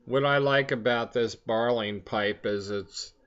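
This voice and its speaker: An older man chatting casually in a rambling, halting way, talking around the pipe he is puffing on. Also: mid-range voice, a bit bright, clear, resonant tone. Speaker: vlogger. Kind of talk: casual chat to camera. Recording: dull, lo-fi sound.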